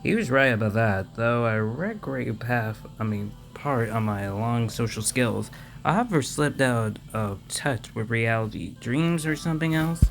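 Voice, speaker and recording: Slow, gravelly man reading a game. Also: medium pitch, faint music behind. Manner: halting reading, stumbles and restarts on words. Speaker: let's play host reading a visual novel. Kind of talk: reading game text aloud with casual commentary.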